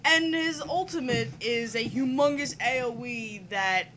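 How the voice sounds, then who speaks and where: A woman's voice: a little high, a little slow, a bit bright. A woman co-hosting casual gaming chat with playful, emphatic interjections. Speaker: podcast co-host. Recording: clear background noise, clicks.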